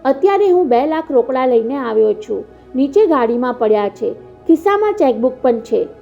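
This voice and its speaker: Woman voicing a rich older father, soft-spoken and beaten down, high voice, dull lo-fi audio. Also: big pitch swings, brisk, creaky, heavily acted. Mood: pleading. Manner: soft, restrained delivery. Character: wealthy older father, pleading and broken. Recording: dull lo-fi with faint music.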